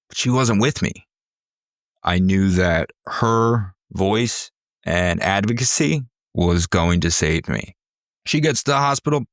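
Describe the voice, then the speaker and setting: A man, a podcast guest, recounting a personal ordeal in vivid, intense storytelling with sudden jumps in pitch. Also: a bit bright, no echo, studio quality.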